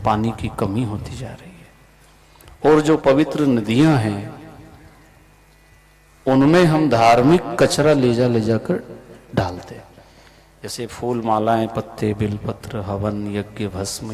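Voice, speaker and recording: Animated man narrating a devotional sermon. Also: mid-range voice. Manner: animated storyteller, acts out the characters' lines; asks the audience questions directly. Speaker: Bhagavat katha preacher. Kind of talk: devotional scripture storytelling sermon. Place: religious gathering before a live audience.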